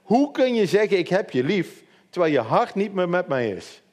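A wheedling, scheming young woman from a Bible story, as a male preacher reads her lines, pressing her question again and again in a raised, lively voice. The voice climbs and dips a lot. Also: sits high, moderate pace, pitched above the performer's own voice. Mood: pleading. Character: pleading, scheming young woman, biblical temptress.

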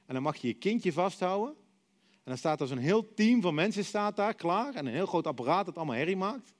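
A middle-aged man preaching a sermon. He tells stories dramatically, acts out other voices, and lets many phrases sink to a soft, quiet finish. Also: sits high, lively intonation, a little fast. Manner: dramatic storytelling, acting out voices and dropping to soft, quiet endings.

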